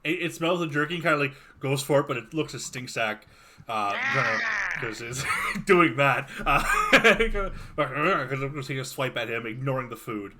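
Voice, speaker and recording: A man's voice: mid-range voice, expressive, normal speed, hardly any pauses, pushed and bright, slight background noise. A man running a tabletop game as game master, narrating loosely and chattily.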